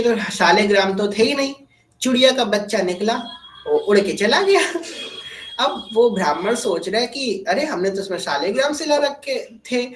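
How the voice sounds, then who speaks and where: A woman giving a devotional story sermon, who tells the tale with feeling and briefly acts out the lines of the people in it. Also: mid-range voice. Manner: animated, acts out quoted dialogue. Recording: echoey room.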